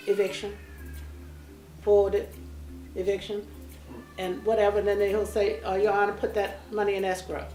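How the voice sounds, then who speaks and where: A woman's voice: mid-range voice, reverberant. Female small landlord, plain-spoken personal account, repeats words for emphasis; distant mic with music behind. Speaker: small landlord being interviewed.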